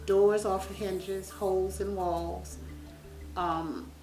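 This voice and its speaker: A woman's voice: mid-range voice, steady tone, takes it slowly, darkish tone. A plain-spoken woman giving a first-person account as a small landlord, repeating words for emphasis. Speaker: small landlord being interviewed. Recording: echoey room, distant mic, music behind.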